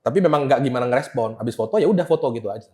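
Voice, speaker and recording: A man from Pontianak with an Indonesian accent, telling a story as a podcast guest, animated and swearing freely as he acts out quotes. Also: medium pitch, rapid-fire. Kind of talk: casual storytelling chat.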